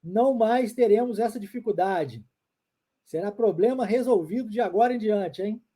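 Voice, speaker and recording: A woman's voice: mid-range voice, moderate pace, mellow, husky. A woman with a Brazilian Portuguese accent teaching an online pronunciation lesson. She repeats her examples and checks in often with her viewers. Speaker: English teacher.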